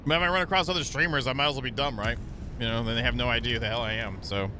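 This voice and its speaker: A man's voice: medium pitch, very fast, background noise. A man streaming a video game, chatting playfully and joking with his viewers. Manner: playful, jokey, animated. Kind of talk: casual gaming commentary.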